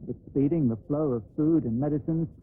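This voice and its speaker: Fairly high-voiced male narrator, measured and formal, off worn VHS tape with faint hiss. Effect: worn old VHS tape sound. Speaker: documentary narrator. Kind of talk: scripted narration. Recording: tinny lo-fi old video tape, faint noise.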